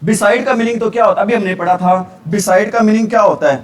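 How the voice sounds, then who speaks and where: High-voiced male teacher, heard from afar. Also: fairly quick, recorded from a distance. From India. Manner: asks questions then answers them himself. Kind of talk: grammar revision lecture.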